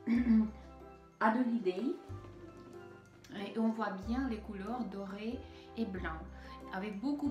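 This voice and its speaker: A woman's voice: medium pitch, reverberant. A woman with a Russian accent, chatting casually as she unboxes beauty products, hesitant with many fillers and restarts. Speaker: beauty vlogger. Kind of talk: unboxing video, casual chat.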